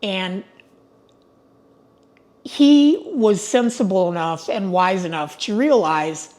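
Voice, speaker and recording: A woman's voice: mid-range voice, expressive, takes it slowly, a little mellow. An older woman in retirement chatting casually to her viewers from her home, upbeat and prone to digressions. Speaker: retiree vlogger. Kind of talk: casual vlog monologue.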